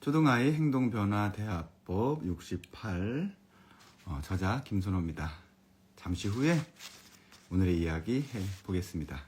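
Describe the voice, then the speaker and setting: A man, an elementary education expert, giving a friendly live-streamed lecture for parents in a calm, comfortable voice, chatting with viewers and reading out their comments. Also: lowish voice, a little slow.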